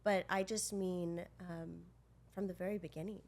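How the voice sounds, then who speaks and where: A woman's voice: lowish voice, fairly even intonation, normal speed, a little mellow. Gushing, enthusiastic woman co-host. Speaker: podcast co-host. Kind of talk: casual interview chat.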